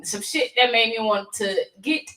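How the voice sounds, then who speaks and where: A woman hosting a casual talk radio show, telling stories in an animated, profane, slang-filled way. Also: fairly high pitch, moderate pace, distant mic, poor audio. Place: radio studio.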